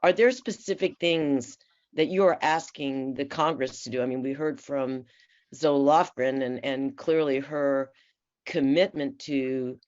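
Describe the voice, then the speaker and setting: A woman from the San Francisco Bay Area who sits on a commission, questioning panelists at a formal hearing in a measured, polite way with frequent fillers. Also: very deep voice, a little mellow. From San Francisco Bay Area, USA. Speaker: commission member. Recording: muffled, slightly dull audio.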